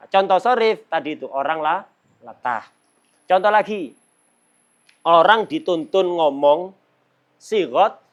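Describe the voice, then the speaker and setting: A high-pitched man leads a religious study lesson, speaking. He teaches in a playful way, laughs often, and breaks into sudden mimicry to act out his examples. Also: fairly bright tone.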